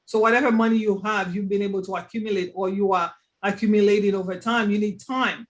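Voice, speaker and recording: Guy with a high voice hosting a live money talk, keeps going "right?". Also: steady tone, fast talker. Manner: emphatic, checks agreement with repeated "right?". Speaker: host of money talk show. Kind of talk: casual panel chat. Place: live online video chat.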